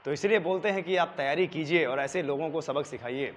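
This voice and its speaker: A man's voice: a little high, fairly quick, slight background noise. A young male teacher who drills exam vocabulary with repeated questions and answers in a coaching classroom. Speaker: English teacher. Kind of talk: exam-prep vocabulary lesson.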